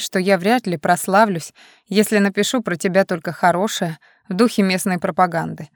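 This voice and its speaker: A woman's voice: medium pitch, dry recording, close to an everyday voice. Earnest young female journalist, read by a woman narrator, questioning tone, dry recording.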